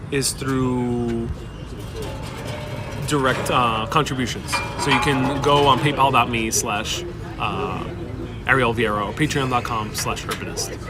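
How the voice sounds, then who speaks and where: This young livestream host, a native Spanish speaker, chats outdoors on a crowded city street, warmly rambling and reading out viewer questions in a mid-range voice. The sound comes through a wireless clip-on mic, with crowd noise and traffic clearly audible behind him.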